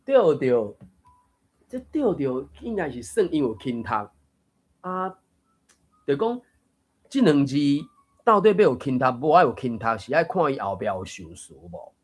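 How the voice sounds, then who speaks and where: A man with a husky, slightly breathy voice leads a casual reading-group chat. He explains points patiently and thinks aloud, now and then chuckling. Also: medium pitch, big pitch swings, unhurried, pauses often. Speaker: host of a Taiwanese reading group. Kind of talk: casual discussion of a book reading.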